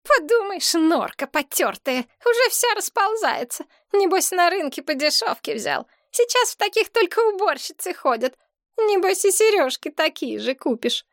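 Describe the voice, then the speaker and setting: A woman voicing a bratty, greedy bleached young woman in an audiobook, squeaky and capricious. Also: very animated, moderate pace, dry recording, studio quality, heavily acted. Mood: defiant. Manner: shrill and capricious.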